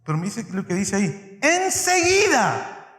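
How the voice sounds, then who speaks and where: A man preaching a sermon as pastor, emphatic and addressing his listeners directly, swinging between loud and soft. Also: very high voice, normal speed, faint music behind. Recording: echoey church hall reverb.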